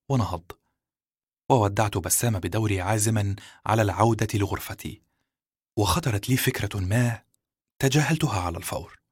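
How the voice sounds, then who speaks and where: A man giving scripted first-person audiobook narration in a steady, measured way. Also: on the low side, slightly rough, no room sound, clean studio sound.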